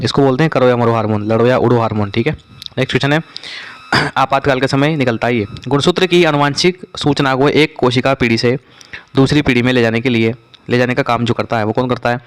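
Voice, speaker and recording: Fast-talking male teacher with a clear voice. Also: medium pitch. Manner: quizzes listeners and repeats answers. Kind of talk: exam revision lesson.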